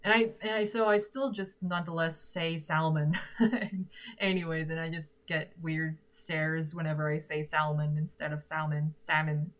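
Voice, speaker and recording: With a deep voice, fairly even intonation and a moderate pace, a young Korean singer-songwriter talks casually to viewers, taking live comments while giggling and thinking aloud.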